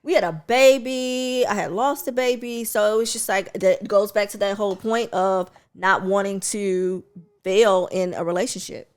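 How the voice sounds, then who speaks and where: A woman in her late thirties, co-hosting a podcast and telling her own story in a candid, animated way, using slang. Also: medium pitch, normal speed, smooth. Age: 30s. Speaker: podcast co-host. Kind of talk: casual chat.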